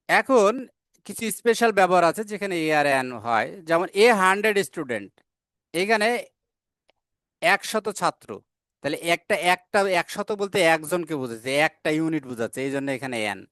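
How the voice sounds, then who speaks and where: A male teacher talks through a grammar lesson at a patient, explaining pace, slowing right down to read out English example sentences. His voice sits a little high and sounds smooth and clear. He breaks his flow with small "ah" fillers and quick self-corrections, recorded close up in a dry space with no room sound. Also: sing-song, fairly bright tone, no echo. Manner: explains step by step, reads English examples slowly.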